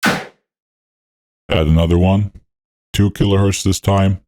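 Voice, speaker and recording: A man talking through a voice changer that deepens his voice. He hosts a music production tutorial, narrating each step in a laid-back, technical way with frequent fillers. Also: flat delivery, slow, a little mellow, slight background noise. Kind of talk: walkthrough narration over a screen recording.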